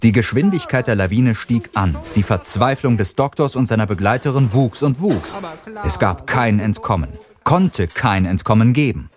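A man narrating an audiobook in an expressive, dramatic way. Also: fairly low pitch, moderate pace.

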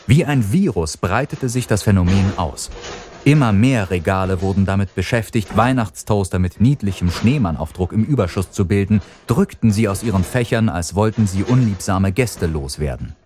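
A man narrating an audiobook in an expressive, dramatic way. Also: lowish voice, normal speed.

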